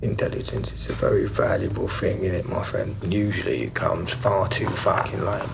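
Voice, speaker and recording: An actor playing a volatile gangster who swings from loud, jovial bluster to menacing whispers, his voice gravelly. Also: deep voice, moderate pace, noisy background. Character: volatile London gangster, bakery-distillery boss, middle-aged man.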